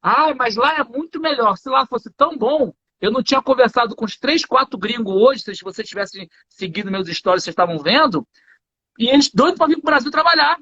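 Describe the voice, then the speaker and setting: A Brazilian man teaching English on a live stream, emphatic and full of slang. His voice is very high and bright, with a forceful edge. The recording sounds somewhat dull and lo-fi. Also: animated, fairly quick. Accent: Brazilian Portuguese.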